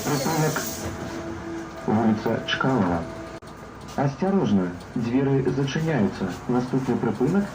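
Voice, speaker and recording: A man giving formal, measured stop announcements played over a bus PA loudspeaker. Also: mid-range voice. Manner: measured, formal, even delivery. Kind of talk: prerecorded transit announcement. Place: inside a moving city bus. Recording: echoey, distant, noisy bus interior.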